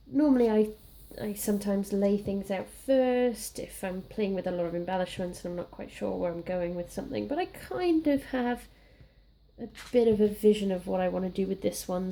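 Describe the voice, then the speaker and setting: Slightly croaky from being ill, a young Welsh woman chats casually about crafting while working on a scrapbook page. She's chatty, rambling, and self-deprecating, with a warm, mid-range voice at a moderate pace. A faint hiss or hum sits in the background.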